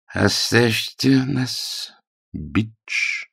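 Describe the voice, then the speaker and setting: Man playing an angry young gent, deep and stern, gravelly edge, dry sound. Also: animated, very slow, a bit bright, no room sound, exaggerated voice. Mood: curt.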